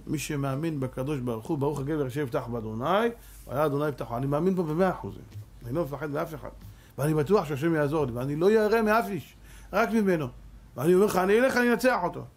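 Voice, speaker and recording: Man doing a big simple carter, husky, fired-up faith, storytime voice. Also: on the high side, expressive. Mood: fervent. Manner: fervent, declaring faith.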